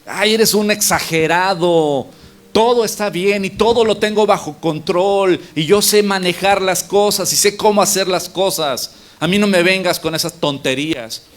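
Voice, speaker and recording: A man's voice: a little high, normal speed, lightly acted. A man voicing a proud, stubborn man who brushes off a friend's warning, in a sermon story. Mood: scornful. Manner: defiant and scornful, then pleading.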